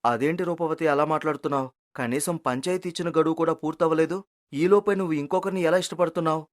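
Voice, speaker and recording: A voice actor playing a humble, kind-hearted young village man in an animated story, gentle and pleading. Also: mid-range voice, fast, natural voice. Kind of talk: storybook cartoon voice acting.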